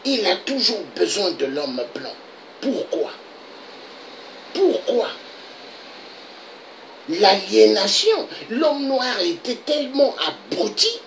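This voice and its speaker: Slow, declamatory man. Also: high-pitched, animated, creaky, a bit bright, slight background noise, rough recording. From Republic of the Congo. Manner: declamatory, with repeated rhetorical questions. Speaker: political video blogger. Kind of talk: impassioned political monologue.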